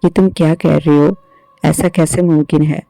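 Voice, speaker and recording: A man's voice: fairly high pitch, fairly even intonation, moderate pace, creaky, dark tone, no echo. A man reading as a frightened young village girl. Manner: stammering, fearful.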